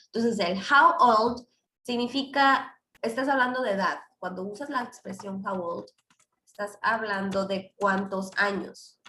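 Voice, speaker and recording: A woman's voice: mid-range voice, unhurried, sharp tone, roomy sound. A woman teaching English grammar in a class, explaining with many fillers and English examples.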